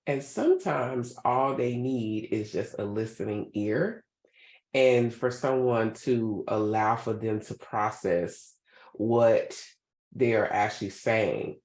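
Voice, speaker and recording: A woman's voice: very deep voice, takes it slowly, darkish tone. Woman co-hosting in an echoey room. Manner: conversational, loose with many fillers. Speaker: podcast co-host. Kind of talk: casual advice podcast chat.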